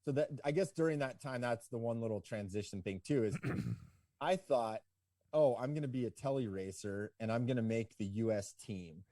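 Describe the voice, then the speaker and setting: A man of about forty with a dark, mellow voice recounts his past in an easygoing, meandering way, peppering it with "like" and "you know". His voice sits in a middle register. The sound is dry and close. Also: mid-range voice, normal speed, no echo. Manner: relaxed, rambling delivery full of "like" and "you know". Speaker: podcast guest, ski business owner. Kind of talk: casual interview storytelling.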